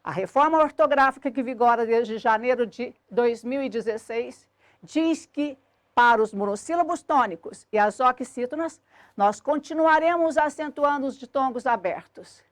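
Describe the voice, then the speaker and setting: A Brazilian woman teaching Portuguese grammar, giving a clear, didactic lesson and drawing out each example word and ending. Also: high-pitched, normal speed, dry recording, clean studio sound.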